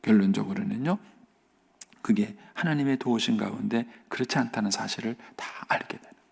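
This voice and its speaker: A middle-aged male pastor preaching a dawn service sermon in a church, earnest, often sinking to a soft near-whisper to stress a point. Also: fairly low pitch, a little fast, gravelly. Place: church sanctuary.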